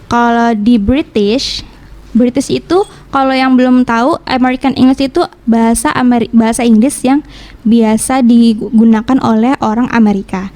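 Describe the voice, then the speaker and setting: A woman's voice: on the high side, darkish tone. A woman from Indonesia giving a casual English lesson on the radio, switching between Indonesian and English and explaining patiently with examples. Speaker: English teacher.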